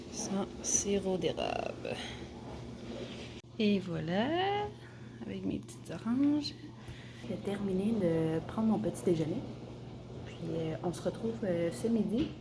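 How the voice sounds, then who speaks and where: A woman's voice: mid-range voice, lively intonation, takes it slowly, long pauses, noisy background. A young woman with a Québécois French accent, chatting casually as she cooks in her home kitchen and rambles with many fillers. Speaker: vlogger. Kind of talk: casual cooking vlog narration.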